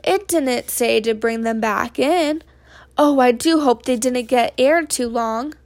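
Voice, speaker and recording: A woman's voice: on the high side, slow pace, a little mellow, no echo. A woman voicing an eager, earnest storybook housekeeper. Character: cheerful literal-minded woman housekeeper.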